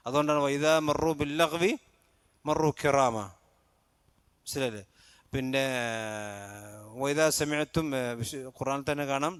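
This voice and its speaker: A man teaching a Quran recitation class, who chants verses slowly and then explains the rules, asking his class questions. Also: fairly high pitch, a bit bright, no room sound. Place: mosque.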